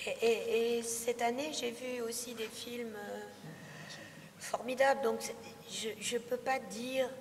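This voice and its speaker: A woman's voice: on the high side, vocal fry, a little mellow, long reverb tail, slight background noise. A woman from France, a film director, giving reflective interview answers at a public talk. She hesitates often, with many fillers and restarts. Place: festival talk hall.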